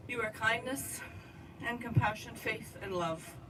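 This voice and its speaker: A woman giving a memorial eulogy at an outdoor gathering, speaking straight to her departed friend with heartfelt warmth. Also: fairly high pitch, a little slow. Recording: distant mic with outdoor noise.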